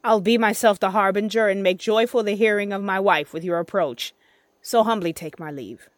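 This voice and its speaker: A woman playing a brooding, ambitious warrior lord in a Shakespearean drama, measured and grave. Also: medium pitch, natural voice. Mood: courteous. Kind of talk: dramatic Shakespearean verse acting.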